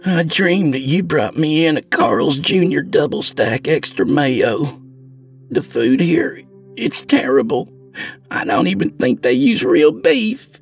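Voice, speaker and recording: A man's voice: a little high, sing-song, slow pace, slightly rough, faint music behind, voice pushed up, full character voice. A man voicing a blunt, food-obsessed young woman in jail who gripes and wheedles. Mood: griping. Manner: complaining, wheedling.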